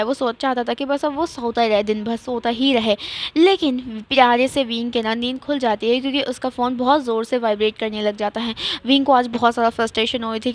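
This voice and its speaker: Woman casually retelling a story. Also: a little high. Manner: conversational, many fillers and self-corrections. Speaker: fanfiction storyteller.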